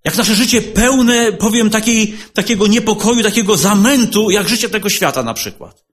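A man preaching a sermon, earnest and exhorting, repeating rhetorical questions and swinging between loud and soft. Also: high-pitched, normal speed. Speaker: lay preacher.

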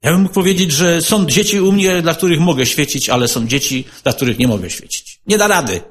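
Male lay preacher, slightly high and very expressive, earnest sermon with repeated rhetorical questions. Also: brisk. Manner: repeats rhetorical questions, swings between loud and soft; earnest, exhorting.

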